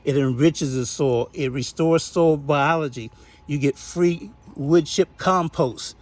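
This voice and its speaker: A man's voice: fairly high pitch, takes it slowly. A man giving a folksy, chatty tour of his backyard garden, laughing now and then. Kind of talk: casual garden walkthrough.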